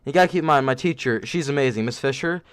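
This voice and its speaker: A young man co-hosts a casual podcast. He tells long stories with animated, filler-heavy delivery. His voice is smooth and resonant, recorded dry and close. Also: medium pitch, fast, no echo. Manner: animated storyteller, frequent fillers. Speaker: podcast co-host.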